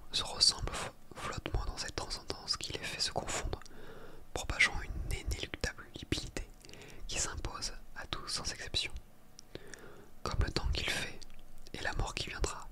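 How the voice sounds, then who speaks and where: Hushed library whisper, ASMR book reader. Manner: soft library-like whisper throughout.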